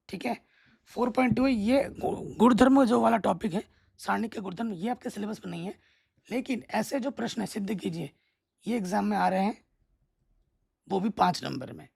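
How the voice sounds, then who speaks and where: Gravelly, husky-voiced male maths teacher. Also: sits high, normal speed, long pauses, darkish tone. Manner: instructive, keeps checking in with students. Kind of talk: exam syllabus walkthrough lesson.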